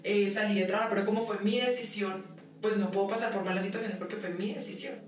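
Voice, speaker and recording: A woman's voice: mid-range voice, fairly even intonation, quick pace, faint music behind. A young woman telling personal stories in a casual interview, acting out dialogue and laughing often. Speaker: guest. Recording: echoey room from far off, some noise.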